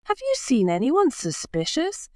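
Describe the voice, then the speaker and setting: Woman as eager girl explorer for storybook: animated, helpful, very dry sound. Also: sits high, measured pace, no room sound, pitched above the performer's own voice, heavily acted. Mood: reassuring.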